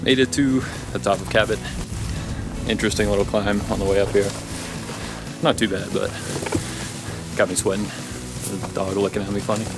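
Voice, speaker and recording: A man's voice: lowish voice, little pitch movement, moderate pace, long pauses, music in the background. Easygoing man narrating a mountain hike. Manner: easygoing, chatty, thinks aloud with fillers. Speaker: hiker vlogger. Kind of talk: casual trail vlog narration. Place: outdoors on forested mountain trails. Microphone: action camera on a handheld pole.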